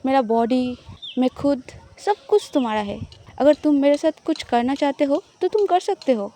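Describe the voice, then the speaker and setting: A woman voicing a playful, possessive young wife who teases her partner, in a high, mellow voice. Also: normal speed, lightly acted. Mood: teasing.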